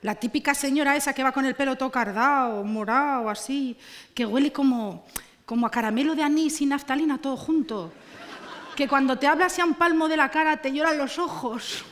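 Animated woman doing stand-up. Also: high voice, brisk. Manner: animated, ironic, acts out characters. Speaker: stand-up comedian. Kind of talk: stand-up comedy monologue. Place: TV studio stage with live audience.

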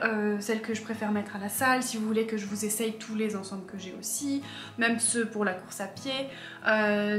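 Chatty woman vlogger in an echoey room. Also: on the high side. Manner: chatty and excitable, with many hesitations. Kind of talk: casual chat to camera. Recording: echoey room with faint music.

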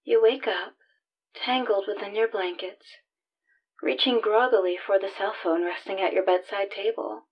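A woman voicing a calm, possessive female stalker who speaks slowly and intimately, with soft menace, in a voicemail message. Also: mid-range voice, highs cut off. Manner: slow, intimate, softly menacing. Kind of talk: audio roleplay.

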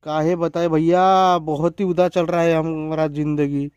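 A man's voice: fairly high pitch, level tone, a little slow, a little mellow, clear, resonant tone, no echo, muffled recording, close to an everyday voice. A man speaking as his bored, glum male pet dog in a mock-mournful lament.

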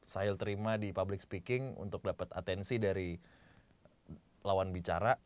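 A man hosting a casual podcast chat about voice technique, slangy and lively, jumping his pitch up and down as he demonstrates. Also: moderate pace, dry recording. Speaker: podcast host.

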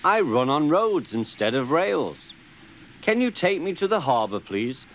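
A man voicing a gentle old traction engine, eager and easily delighted. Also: on the high side, very animated, a little slow, a little hiss or hum, voice pushed up. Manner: eager, sighing, childlike joy.

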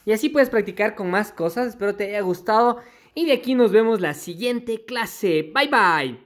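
A man teaching English to young children, reading slowly, repeating each point patiently and checking that they follow. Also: high-pitched, animated, a bit bright. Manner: reads English slowly word by word, then translates. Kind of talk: explaining a primary school worksheet.

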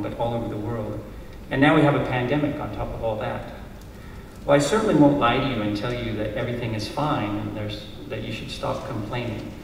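Here a middle-aged university lecturer stands at a stage mic, reading an encouraging, earnest commencement address from prepared notes. His voice sits in the mid range, with slight background noise, and the sound is roomy and distant, as in a hall.

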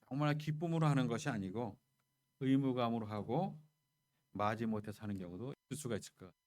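A man's voice: mid-range voice, a little mellow. Man preaching a storytelling sermon. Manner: storytelling preacher, addresses the congregation directly. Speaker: pastor. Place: church sanctuary.

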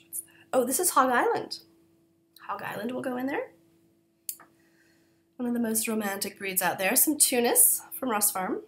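A knitting podcast host speaks in a slightly high, pushed, bright voice, chatting casually into a camera mic. She's self-deprecating and apologetic, packing her talk with fillers while she coughs and clears her throat.

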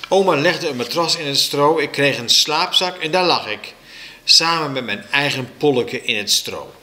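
A man reading a children's book aloud with slow, expressive storytelling. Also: a little high.

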